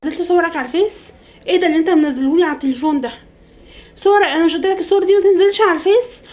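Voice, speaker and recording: A woman's voice: very high voice, very fast. A woman with an Egyptian Arabic accent voicing a fussy, superstitious middle-aged mother in a comedy sketch, scolding and gossiping. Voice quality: scolding, then hushed gossipy phone chatter.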